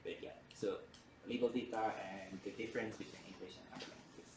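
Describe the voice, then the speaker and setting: An Indonesian-speaking man delivers a university lecture a little fast, in a lowish, steady-toned voice, hesitating often with fillers and restarted sentences. He sounds far from the mic in a roomy hall over faint room hum.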